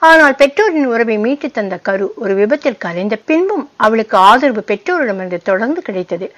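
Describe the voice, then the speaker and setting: A woman reading a short story aloud in calm, measured storybook narration. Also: a little high. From United States (Boston). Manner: calm, measured storytelling, voicing the characters' lines.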